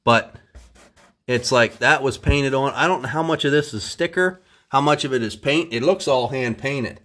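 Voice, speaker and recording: A man with a fairly bright, mid-range voice speaks at normal speed as he gives a casual tour of an old three-wheeler in his garage workshop. He restores vintage three-wheelers and chats away, joking wryly about himself.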